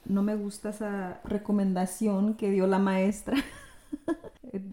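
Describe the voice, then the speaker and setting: Woman co-host, very warm dark tone, earnest and thoughtful in relaxed conversation. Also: mid-range voice, measured pace. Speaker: podcast co-host. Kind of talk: casual conversation.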